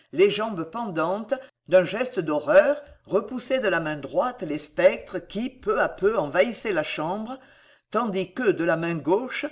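Slow, solemn high-voiced male narrator. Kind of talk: dramatic reading of a historical novel.

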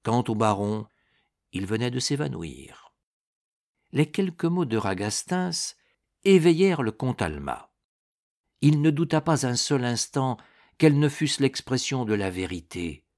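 Slow, expressive male narrator. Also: mid-range voice. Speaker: audiobook narrator. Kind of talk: scripted narration.

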